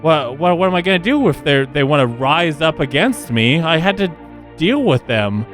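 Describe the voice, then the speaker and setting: A man voicing a scheming female devil who talks in a rushed, pleading, high-strung way. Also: lively intonation, faint music behind. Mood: defensive.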